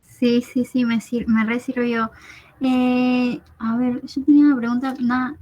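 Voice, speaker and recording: A woman's voice: a little high, flat delivery, measured pace, dark tone, dry recording, poor audio. A woman student asking a hesitant question on a video call.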